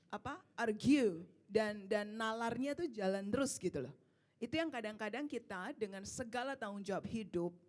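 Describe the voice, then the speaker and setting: A woman speaking at a parenting seminar, answering parents' questions in an emphatic, conversational way. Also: mid-range voice. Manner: warm, emphatic, rhetorical questions. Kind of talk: casual seminar talk, mixing Indonesian and English.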